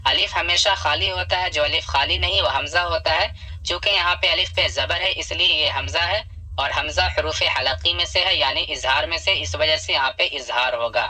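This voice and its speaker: Man, recitation teacher, husky, bright tone, patient, repeats sounds slowly, step-by-step lesson. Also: on the high side, low-quality recording. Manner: patient, repeats key sounds slowly and asks rhetorical questions. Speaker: Quran reading teacher.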